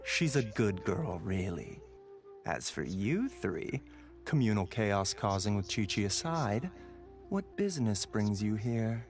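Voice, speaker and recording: An actor playing a gentle, courteous male doctor who speaks softly with a quietly scheming edge. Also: lowish voice, sing-song, soft background music, heavily acted. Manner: soft, courteous, measured.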